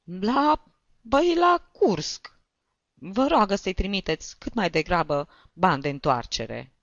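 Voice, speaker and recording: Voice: mid-range voice, fairly bright tone, clear, resonant tone, dry recording, highs cut off, lightly acted. A reader voicing a weepy, flustered male tutor who sobs and strains as he complains, in a storybook reading. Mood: bitter. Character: weepy flustered male tutor, tipsy trip gone wrong.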